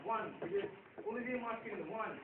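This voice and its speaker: Teaching self-defence in a live demo, a man speaks fast in a high-pitched voice and keeps checking that students are keeping up. The audio sounds distant and phone-like in a roomy space, buried in loud noise.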